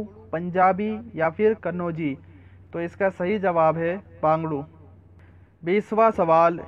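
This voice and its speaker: A man's voice: high voice, dull audio. A man reading out multiple-choice quiz questions and then stating each correct answer. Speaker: quiz presenter.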